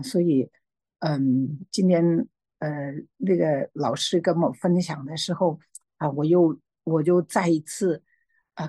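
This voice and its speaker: A woman sharing a personal faith testimony, hesitant with frequent restarts and fillers, growing lively as she tells a story. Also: sits low, breathy edge, no echo. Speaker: church member sharing a testimony.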